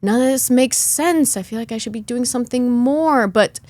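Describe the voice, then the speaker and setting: A woman's voice: fairly high pitch, normal speed, darkish tone, no room sound. A young adult woman, born in Lithuania and raised in Chicago, telling her personal story as a podcast guest, earnest and chatty with many fillers.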